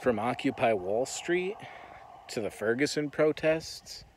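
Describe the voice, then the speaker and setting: A man's voice: mid-range voice, animated, unhurried. American man talking earnestly over ambient noise. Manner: earnest, reflective, talking while walking. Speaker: vlogger. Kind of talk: walk-and-talk monologue. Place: on the move while walking.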